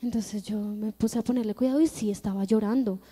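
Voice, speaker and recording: A woman's voice: mid-range voice, steady tone, brisk, dark tone, husky. A young woman with a Colombian Spanish accent, giving an earnest testimony in a church service. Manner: earnest, storytelling, emphatic. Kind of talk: testimony sermon. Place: church hall. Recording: long church-hall reverb.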